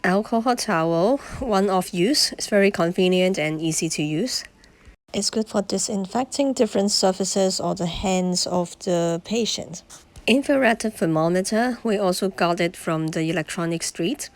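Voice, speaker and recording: A woman, hoarse from illness, plainly explaining and demonstrating items for a home video. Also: medium pitch, moderate pace, no echo. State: hoarse sick voice. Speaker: vlogger.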